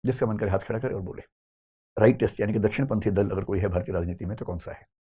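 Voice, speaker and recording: A middle-aged man lectures a classroom in a relaxed, conversational way, pausing to put questions to the students. His voice sits a little low and sounds warm and mellow. He talks quickly. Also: husky. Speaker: teacher.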